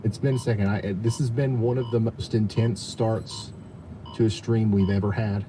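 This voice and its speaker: Low-voiced man doing live storm coverage, noisy background. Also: steady tone, moderate pace. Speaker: live weather streamer giving storm coverage. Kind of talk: live severe weather commentary, ad-libbed.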